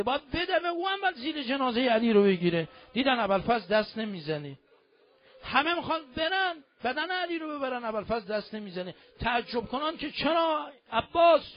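A man preaching a mourning sermon, moving between quiet retelling and shouted, lamenting cries. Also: very high-pitched. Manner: swings from soft to shouting lament. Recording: dull lo-fi sound.

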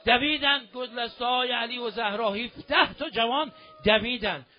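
Male preacher, high-pitched, lamenting mourning sermon, soft to shouting, muffled lo-fi audio. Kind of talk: mourning sermon, recounting with cries. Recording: dull lo-fi sound.

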